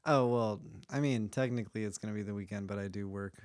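A young man hosting a casual podcast, explaining a topic to a friend in a laid-back, joking way with quick asides. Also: fairly low pitch, a little mellow, dry recording, studio quality. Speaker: podcast host.

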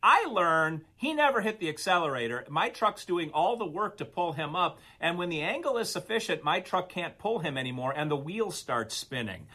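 A man with a bright, forceful voice that sits a little high. He tells a long story in an animated, rambling way, swinging up and down as he goes. It is the relaxed, casual storytelling of a podcast co-host. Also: moderate pace, hardly any pauses.

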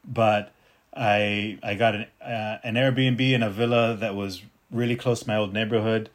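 A middle-aged man, born in Detroit and raised partly in North Africa, speaking in a reflective, unhurried way as a martial arts teacher in a casual interview. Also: on the low side, level tone. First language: Arabic. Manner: reflective, unhurried, with frequent restarts. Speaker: capoeira teacher and martial artist.

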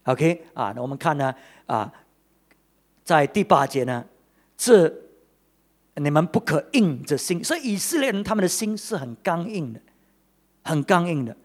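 Animated male preacher, lively pitch. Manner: animated, exclaiming, swings between loud and quiet; peppers talk with "OK" and drawn-out fillers. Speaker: pastor. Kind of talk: sermon.

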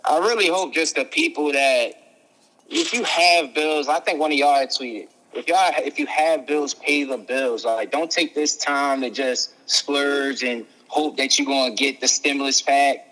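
A man's voice: mid-range voice, measured pace, bright, forceful tone, low-quality recording. A man, a podcast guest talking in an easygoing, reflective, slangy way. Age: 30s. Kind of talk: casual podcast chat.

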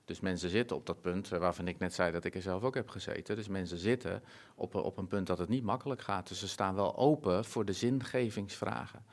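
Earnest, low-voiced Dutch-speaking man. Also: a little fast, few pauses. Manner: earnest, reflective, many fillers and restarts. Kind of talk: conversational interview.

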